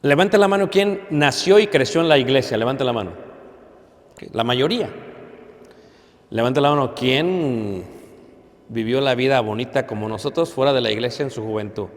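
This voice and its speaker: A man preaching a sermon to a congregation, with dramatic pauses, loud emphasis and questions to the listeners. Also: mid-range voice. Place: church hall. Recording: long hall reverb.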